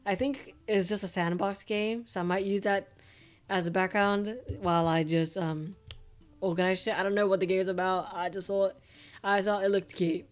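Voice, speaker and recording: A young Australian woman chats loosely with her stream viewers, her medium-pitched voice fairly even in intonation and at a normal speed. Her talk rambles, full of fillers and the occasional casual swear word.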